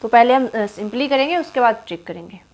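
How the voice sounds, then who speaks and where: A woman's voice: a little high, animated, quick pace, a little mellow. A woman teacher giving an exam-prep grammar lesson, quizzing the viewer and repeating each syllable aloud.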